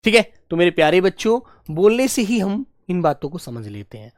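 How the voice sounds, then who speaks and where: A woman's voice: big pitch swings, dry recording. Woman teacher dictating a lesson, dry sound. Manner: slow dictation, repeating phrases for notes; acts out quoted dialogue with raised pitch. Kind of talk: Hindi grammar lesson.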